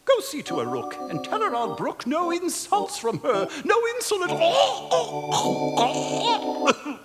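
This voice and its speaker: A man's voice: very high-pitched, wildly swooping pitch, takes it slowly, voice pushed up, heavily acted. A man voicing a haughty, prissy, scandalized queen in a comic musical story. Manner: snooty, tutting, scandalized. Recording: long reverb, loud music underneath.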